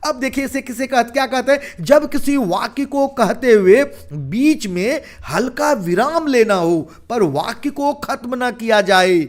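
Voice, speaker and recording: Male Hindi teacher, very high voice, slow and deliberate delivery, asks rhetorical questions. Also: lively intonation. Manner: asks rhetorical questions and answers them himself. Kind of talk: classroom lesson explanation.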